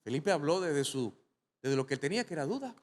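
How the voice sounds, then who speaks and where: Animated male pastor preaching. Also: a little high, fast talker. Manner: animated storytelling with sudden loud climaxes. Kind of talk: sermon.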